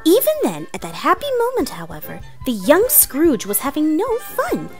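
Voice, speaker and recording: Here the woman's high voice swings hugely in pitch as she talks at normal speed over soft background music. She's performing an earnest, theatrical storyteller for a storybook read-along, a comic author-narrator played female, in a dramatic and earnest mood.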